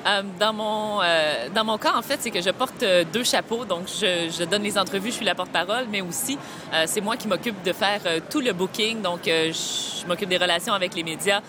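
A woman's voice: mid-range voice, brisk, noisy background. A woman, a company spokesperson, answering interview questions casually with many hesitations. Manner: hesitant, many "euh" fillers. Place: busy video game trade show floor.

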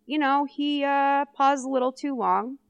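A young adult woman hosting a podcast, recapping a film in a lively, chatty way and briefly voicing the people she describes. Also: sits high, lo-fi sound. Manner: animated storytelling, quick character voices for the people she quotes. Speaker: podcast host. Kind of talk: casual comedic movie recap chat.

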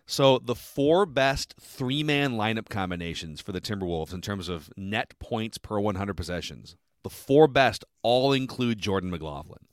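An animated man with a lowish voice co-hosts a casual sports podcast, joking and citing numbers. His voice is recorded dry and close. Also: measured pace, hardly any pauses, no echo.

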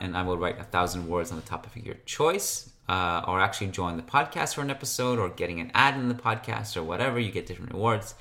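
A man's voice: on the low side, sharp tone. A man hosting a sports podcast solo, talking casually in a rambling, conversational way.

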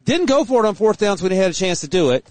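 A man giving brisk, opinionated football analysis in a casual chat. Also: high-pitched, sing-song, darkish tone, no echo. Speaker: sports analyst.

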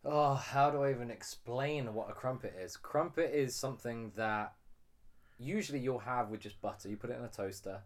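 A man's voice: medium pitch, normal speed. A British man co-hosting a podcast, explaining food in a rambling, laughing casual chat. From United Kingdom. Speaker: podcast co-host.

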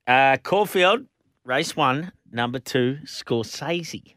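A man in casual horse racing chat, giving tips in a halting, informal way. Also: medium pitch, animated, a bit bright, no echo, clean studio sound. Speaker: co-host and horse racing tipster.

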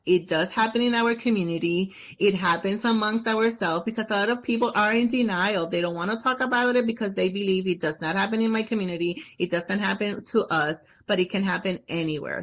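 Female podcast guest, earnest and insistent, average pitch. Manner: earnest, urgent, repeats key points. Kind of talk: casual interview talk.

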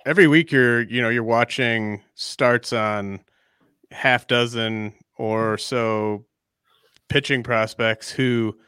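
A man's voice: mid-range voice, steady tone, slow, sharp tone, clear, resonant tone, dry recording, studio quality. A man hosting a podcast in a casual, conversational interview style, feeling his way through his sentences. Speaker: podcast host.

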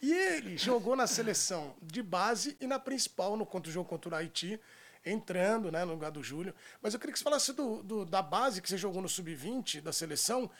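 A man's voice: sits high, animated, a little fast, a bit bright. A Brazilian man hosting a casual sports chat in an effusive, chummy way. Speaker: show host.

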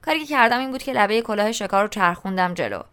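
A woman reads a novel aloud in the first person, telling it in a relaxed, colloquial way. Her voice is smooth and clear, with a pitch that is neither high nor low. The delivery stays conversational, like someone telling the story to a friend. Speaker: audiobook narrator.

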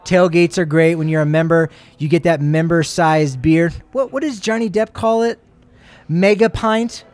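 A man's voice: on the high side, normal speed, darkish tone, dry recording. A man co-hosting a sports show, chatting casually and rambling through sponsor plugs with jokey asides.

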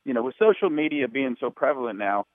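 A man calling in to a radio show, telling a story in a relaxed, rambling way over the phone line. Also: mid-range voice, fast, dry recording. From Louisiana. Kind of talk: casual call-in chat.

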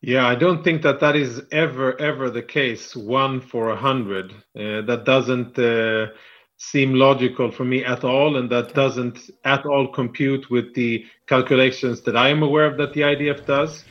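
A man speaking as a military spokesman in a live news interview, firm, deliberate and defensive, over a band-limited remote link. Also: mid-range voice, steady tone, highs cut off.

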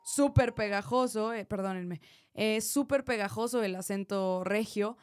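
A young Mexican woman with a Mexican accent, co-hosting a casual chat, animated and laughing often. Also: mid-range voice, a little slow, clear, resonant tone, soft background music. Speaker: podcast co-host.

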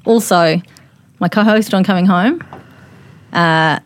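A woman's voice: fairly low pitch, slow pace, dry recording. A woman with a New Zealand accent casually hosting a studio panel podcast in an informal, jokey way. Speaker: podcast host and manager.

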